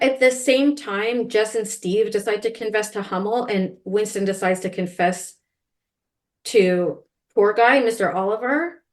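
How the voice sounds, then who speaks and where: A woman co-hosting a casual book-discussion podcast, talking animatedly and quoting characters in quick asides. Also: a little high. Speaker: podcast co-host.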